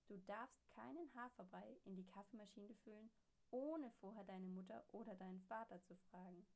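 A woman reads a children's story aloud in a calm, gentle way. Her voice has a gravelly, creaky texture at a middle pitch.

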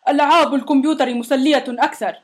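A woman's voice: a little high, a little fast, close to an everyday voice. A woman voicing a big, sulky, sick male monster in a storybook reading, whiny and complaining. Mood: demanding loudly. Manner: whiny and complaining, loud when shouting demands.

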